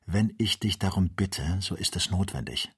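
A resolute older doctor leading an expedition in an audiobook, earnest and commanding, voiced by a man. His voice is low and husky. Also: expressive, normal speed, exaggerated voice. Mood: grave. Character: calm resolute older male explorer doctor.

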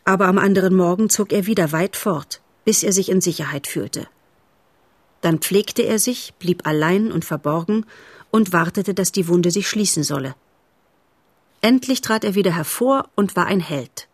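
A woman reading a children's novel aloud as narrator, in a steady, expressive storytelling manner. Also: lowish voice, moderate pace, no room sound.

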